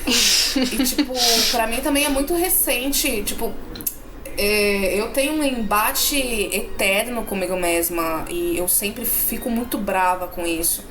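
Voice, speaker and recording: A woman's voice: mid-range voice, a little slow. A young woman with a Brazilian accent, a podcast guest in casual chat, candid, swearing and self-mocking. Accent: Brazilian Portuguese. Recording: noisy room.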